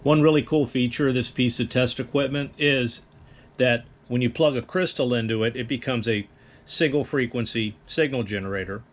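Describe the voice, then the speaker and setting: This radio equipment tutorial is led by a man of medium pitch speaking at a moderate pace, who explains the equipment in a careful, instructive way.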